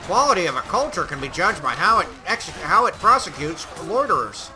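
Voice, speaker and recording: A man giving casual, profane, rambling commentary while he plays a game, now and then bursting into shouts. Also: high-pitched, big pitch swings, a little fast. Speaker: gameplay commentator. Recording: loud game music behind the voice.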